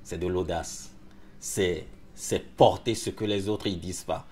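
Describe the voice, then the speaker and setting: A man's voice: deep voice, fairly even intonation, unhurried, a little mellow, a little hiss or hum. A man speaking emphatically as an interviewee, repeating phrases for rhythm. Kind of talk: impassioned testimony.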